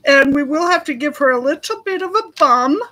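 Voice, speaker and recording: A woman's voice: high-pitched, lively intonation, fairly quick, bright, forceful tone, low-quality recording. A woman hosting a live craft tutorial, chatty and giggly, laughing often as she explains each step. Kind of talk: live craft demonstration chat.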